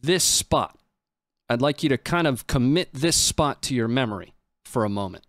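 This stream host, a man in his thirties, offers casual live commentary on footage from a small indoor studio via a close desk microphone on a boom arm. His mid-range voice is expressive and fairly bright, at normal speed, in a dry recording.

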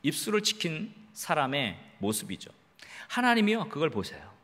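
A man's voice: a little high, huge pitch swings, normal speed, sharp tone. A middle-aged man preaching a sermon as a pastor in a church, dramatically acting out biblical voices and asking the congregation rhetorical questions. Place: church sanctuary. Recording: long hall reverb.

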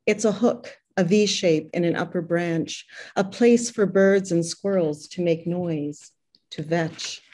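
An older woman reading a prose poem in a calm, unhurried way, speaking over a video call from a room at home. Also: fairly low pitch. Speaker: poet reading her work. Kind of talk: poetry reading. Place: home room with posters and books.

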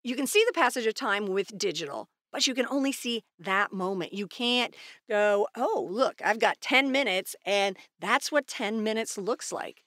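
A woman's voice: mid-range voice, lively intonation, normal speed, fairly bright tone, no room sound, clean studio sound. A woman co-hosting a podcast, chatting casually and explaining ideas with everyday examples in an upbeat way. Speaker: podcast co-host. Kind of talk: casual chat. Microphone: studio microphone.

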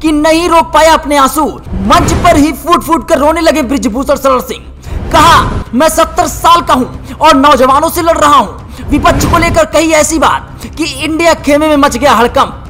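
A woman's voice: high voice, moderate pace, music in the background. A woman narrating a scripted news report as a voice-over, with an emphatic, dramatic headline delivery.

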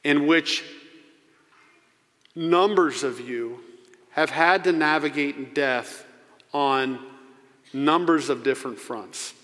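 Middle-aged pastor at a pulpit microphone. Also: male voice, fairly high pitch, a bit bright. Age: 40s. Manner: earnest, slowing down to stress key phrases. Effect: preaching into a pulpit microphone. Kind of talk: sermon. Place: church sanctuary. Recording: long church reverb.

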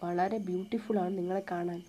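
A young woman with a Thiruvananthapuram Malayalam accent, chatting live and answering viewer comments in a soft, hushed voice with English words mixed in. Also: on the low side, steady tone, moderate pace, slight background noise. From Kerala, India. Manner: soft-spoken, quiet, almost hushed; mixes English words into her talk.

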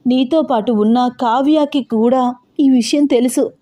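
A woman's voice: sits high, a little slow, mellow, voice pushed up. A woman voicing a tearful, guilty young male friend confessing emotionally.

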